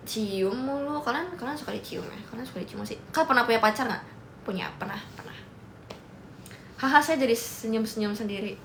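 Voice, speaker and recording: A woman's voice: fairly high pitch, moderate pace, fairly bright tone. A young woman, hosting a casual livestream, reading and answering comments in a playful, teasing way and mixing in English. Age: young adult. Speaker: livestream host. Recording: echoey room with faint noise.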